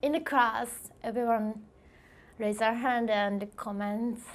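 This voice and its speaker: A woman's voice: on the high side, fairly even intonation, takes it slowly. A young woman from Japan whose first language is Japanese, an international student speaking hesitantly in simple English. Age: young adult. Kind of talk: documentary interview.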